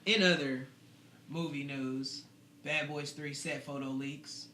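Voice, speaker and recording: A man's voice: a little high, fairly even intonation, slow pace, bright, forceful tone, roomy sound, a little hiss or hum. A young man hosting a casual podcast chat, laughing often and steering the segments. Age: young adult. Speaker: podcast host.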